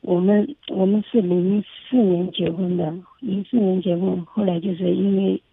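A woman's voice: medium pitch, fairly even intonation, normal speed, creaky, slightly rough. A woman calling in to an advice show, speaking hesitantly and often repeating herself. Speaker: caller. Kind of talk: call-in advice talk. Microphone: phone. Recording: phone line.

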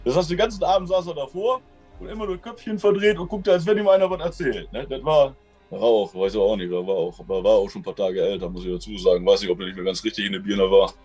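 A man in a casual interview, telling his own experiences in a rambling, colloquial way and often tagging sentences with a quick question. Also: fairly low pitch, darkish tone, slightly rough, soft background music. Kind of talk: casual storytelling.

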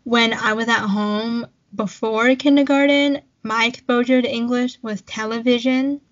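A young woman whose first language is Cantonese co-hosts a podcast, chatting casually and telling a personal story while laughing often. Her voice sits a little high, with a steady tone and a slightly slow pace, and the audio sounds dull.

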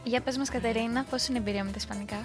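A young woman with a slightly raised pitch speaks as a guest in a radio studio. She chimes in with short, teasing remarks to the others. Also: fairly even intonation, soft background music. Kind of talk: casual chat.

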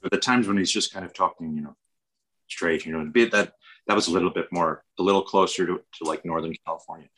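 A man's voice: sits low, fast talker, a bit bright, rough recording. A man with an American accent from New York state, chatting casually and rambling with lots of restarts. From Westchester, New York, USA. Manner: rambling, many restarts and fillers. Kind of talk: casual chat.

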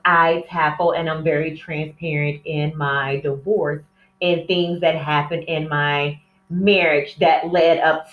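A woman hosting a casual, candid solo podcast, rambling and easily sidetracked, heard from a distance on a phone microphone. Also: deep voice. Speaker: podcast host. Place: indoor room with plants. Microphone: cell phone set away from her, distant. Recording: echoey room, distant phone mic, dull sound.

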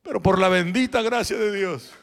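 A man preaching a sermon as pastor in a church, turning from shouted exhortation to quiet, personal words to his flock. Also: high-pitched, normal speed, creaky. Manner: swings between shouted exhortation and quiet, intimate asides; addresses the congregation directly and personally. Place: church sanctuary.

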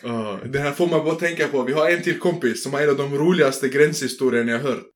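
A young man co-hosting a casual podcast. He chats freely and keeps chiming in to egg his friend on. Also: mid-range voice. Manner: chatty, quick to chime in and egg the other on. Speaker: podcast co-host. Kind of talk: casual chat.

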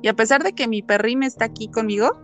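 A woman with a Mexican accent, telling a ghost story in a relaxed, chatty way, with many fillers, acting out what people said. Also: a little high, fast talker, faint music behind. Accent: Mexican Spanish. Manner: animated, many fillers, acts out quotes. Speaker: guest telling ghost stories. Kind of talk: casual storytelling chat.

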